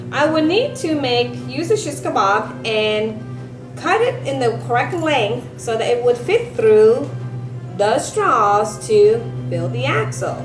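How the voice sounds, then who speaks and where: A woman giving a step-by-step craft lesson for children, speaking like a bright kids' presenter and teacher. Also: on the high side. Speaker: elementary science teacher presenting a craft tutorial. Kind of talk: step-by-step instructional demonstration for children. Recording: roomy echo with music behind.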